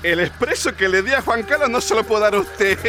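A man's voice: sits high, lively intonation, fairly quick, over loud music. A man playing a chatty café waiter with a put-on Argentine accent, theatrical and fawning with the guests. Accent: Argentine Spanish, put on.

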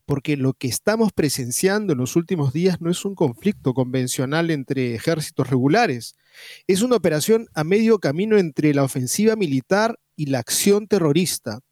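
A man reading a news analysis aloud in a steady, formal way. His voice sits fairly high for a man. The recording is dry and close. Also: dry recording. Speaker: article reader.

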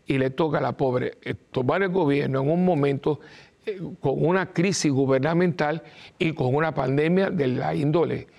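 Gravelly priest preaching. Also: male voice, fairly high pitch, moderate pace, a little mellow. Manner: emphatic, repeats short no's, acts out quoted voices. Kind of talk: informal preaching talk.

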